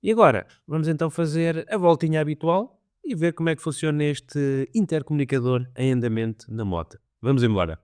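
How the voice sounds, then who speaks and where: In a casual product review vlog, a motovlogger with a European Portuguese accent chats with his viewers, addressing them directly as he rides his motorcycle on the road. He speaks briskly in a fairly high, clean voice, with loud wind and road noise throughout.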